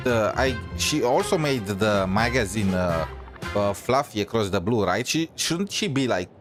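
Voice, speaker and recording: A woman's voice: extremely low pitch, animated, unhurried. A woman game streamer casually reacting and chatting aloud with fillers. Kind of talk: casual gameplay commentary. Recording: voice over loud game music.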